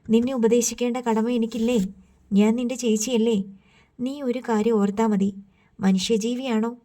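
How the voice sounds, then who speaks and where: Woman reading a moralizing older sister, lecturing in proverbs, mellow voice. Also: fairly high pitch, steady tone, moderate pace, natural voice. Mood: preachy.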